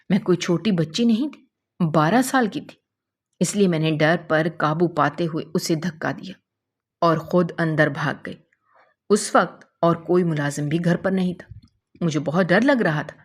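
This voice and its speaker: A woman narrating a first-person emotional story in a steady, earnest storytelling manner. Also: low voice.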